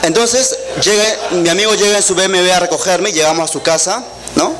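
A man's voice: high-pitched, a little fast, a crowd in the background. A man from the Peruvian Andes with an Andean accent, performing a stand-up monologue full of self-mocking asides and tag questions. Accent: Andean Peruvian Spanish. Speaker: stand-up comedian. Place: comedy stage. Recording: live stage recording with loud background noise.

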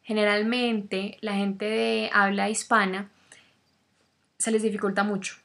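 A woman and native Spanish speaker teaching English pronunciation, speaking slowly and demonstrating each sound over and over. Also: mid-range voice, little pitch movement, creaky, a bit bright. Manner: slow, demonstrative, repeats sounds. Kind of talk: pronunciation lesson.

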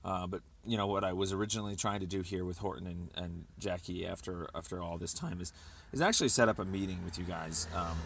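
A man rambles through a voicemail on a recorded phone line, hesitant and halting yet insistent. His voice sits low with a slightly bright edge, and there's a faint hiss or hum on the line.

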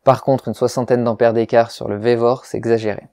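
Male welding host, mellow dark tone, dry close sound, frank methodical review read. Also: mid-range voice, level tone, brisk, no room sound. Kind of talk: product review narration.

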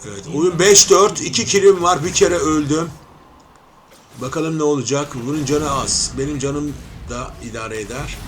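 Excitable man commentating his own gameplay. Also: fairly high pitch, moderate pace, slight background noise. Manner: excitable, taunts opponents with playful shouts; talks to viewers as friends. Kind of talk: live gaming commentary.

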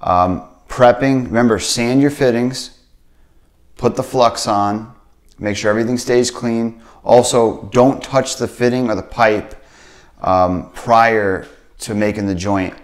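A plumbing instructor in his thirties talks through a hands-on demonstration at an indoor workshop bench. His medium-pitched voice is slow and fairly even, and he explains things plainly, step by step, with fillers.

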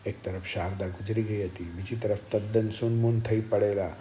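A man reading a novel aloud as an audiobook narrator, in steady, measured storytelling. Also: on the low side, slight background noise.

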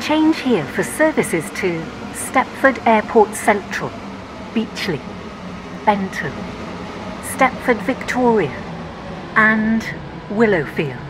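A woman's recorded train announcements, with words spliced together from separate recordings so the pitch and pace jump between phrases. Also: big pitch swings, slow pace, pauses often, noisy background. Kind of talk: automated onboard announcements.

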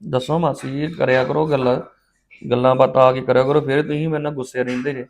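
A man's voice: medium pitch, flat delivery, quick pace, vocal fry, a little mellow, a little hiss or hum. A man acting as a young father in a scripted family drama, defensive and hot-tempered, pleading with his aunt.

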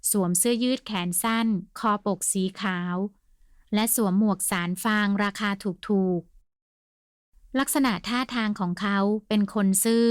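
Woman narrating an audiobook, polite and steady. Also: mid-range voice, clean tone, no echo, studio quality.

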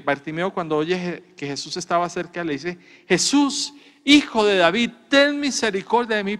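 High-voiced emphatic male pastor preaching. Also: a bit bright, big-room sound. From Colombia. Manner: emphatic preaching with repeated refrains. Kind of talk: sermon. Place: church.

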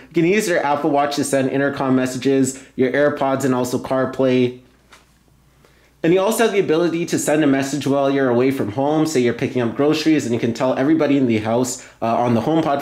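Working at a table in an indoor room, a man talks through a hands-on tech tutorial step by step, frequently going over the same points again. His voice sits in the mid-range with a bit of mellowness, and the sound echoes around the room.

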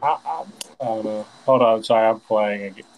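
A man's voice: on the low side, brisk, darkish tone, soft background music, low-quality recording. A man in his twenties on a video call, chatting bluntly and casually in slang. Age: 20s. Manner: blunt, laid-back slang. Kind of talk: casual chat.

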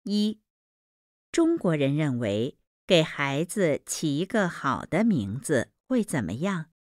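A woman with a very low but expressive voice reads out exercise instructions and questions. She speaks slowly and deliberately. The recording is dry, with no room sound. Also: no echo. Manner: slow, deliberate reading. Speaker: exercise narrator.

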